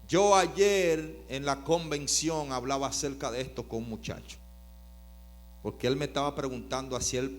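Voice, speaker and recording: A preacher tells a story in his sermon, with a mid-pitched male voice. He swings from loud, emphatic bursts to quiet, drawn-out narration. A faint mains hum runs underneath.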